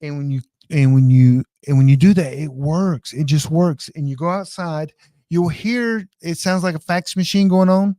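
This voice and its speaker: A man with a fairly high, warm voice talks at a normal speed while demonstrating radio gear in a casual live tutorial for an online class, held indoors. His style is folksy and informal, aimed straight at his viewers, and the studio-quality audio has no echo.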